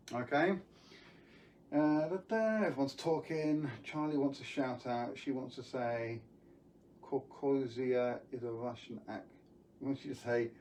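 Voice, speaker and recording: Man, live-stream magician, casual rambling chat, mid pitch, a bit far from mic. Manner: chatty, rambling, greets viewers by name. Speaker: magician hosting an online show. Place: at home.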